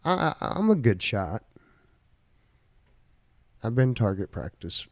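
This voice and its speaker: Casual podcast host: a man with a slight Southern twang, laid-back, reading quiz questions, pitched a bit low, dry sound. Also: big pitch swings, takes it slowly, no room sound.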